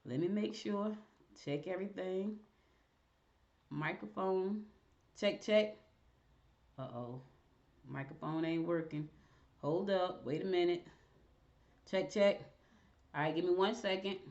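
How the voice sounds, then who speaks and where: A woman's voice: lowish voice, slow pace, pauses often, a little mellow, dull audio. A woman hosting a casual live-stream interview, chatting to viewers as she goes. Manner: chatty, talks to viewers while fixing tech. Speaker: show host.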